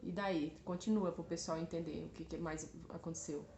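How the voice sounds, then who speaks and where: A woman's voice: deep voice, steady tone, normal speed, creaky, darkish tone, a little hiss or hum. A Brazilian woman in her thirties giving a church testimony as a mother, speaking hesitantly and often appealing to her listeners. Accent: Brazilian Portuguese. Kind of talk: church testimony addressed to the congregation. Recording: roomy echo.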